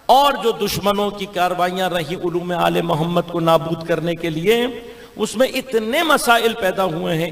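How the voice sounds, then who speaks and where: High gravelly preacher guy, pakistani urdu accent, sermon booming round a big hall. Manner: rhetorical orator with sudden rises and falls. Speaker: Shia cleric giving a majlis. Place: large imambargah hall. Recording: long hall reverb.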